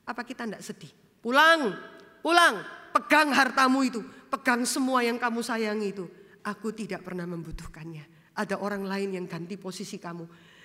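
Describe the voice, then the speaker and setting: Animated woman preacher in echoing church. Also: a little fast. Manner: animated storytelling, acts out quoted dialogue; swings between loud emphasis and soft low asides. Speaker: vicar preaching. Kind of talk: sermon. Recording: church hall with long reverb.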